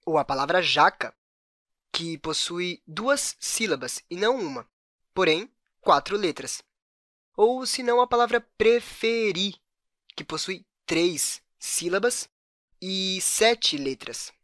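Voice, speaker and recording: A Brazilian woman teacher explains a lesson clearly and steadily, her voice on the low side. The sound is dry and close, with no room around it. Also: animated, slow pace, fairly bright tone, dry recording. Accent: Brazilian Portuguese. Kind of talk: video lesson.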